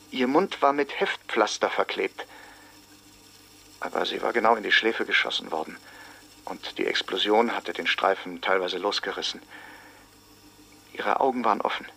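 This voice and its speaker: In a radio drama, a male actor plays a sober small-town schoolteacher giving grave, deliberate witness testimony full of heavy pauses. His voice is lowish and gravelly, with a sharp tone and an exaggerated delivery.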